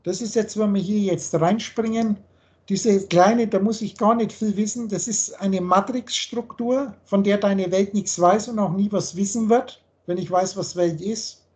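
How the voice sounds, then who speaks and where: A man's voice: high-pitched, fairly even intonation, measured pace, darkish tone. Man lecturing on a video call. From Germany. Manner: explains word meanings letter by letter, lecturing. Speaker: spiritual teacher.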